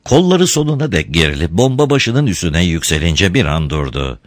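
A man with a very deep voice reads a story aloud, his pitch rising and falling with a lively, dramatic lilt. The recording is close and dry, with no echo. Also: normal speed. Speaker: narrator. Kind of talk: storybook reading.

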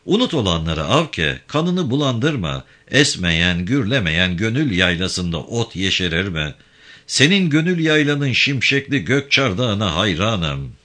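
A man's voice: fairly low pitch, very animated, a little slow, bright, forceful tone, exaggerated voice. A man reading a story voices a wounded, hardy man who soothes his wife in florid, tender words. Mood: tender soothing.

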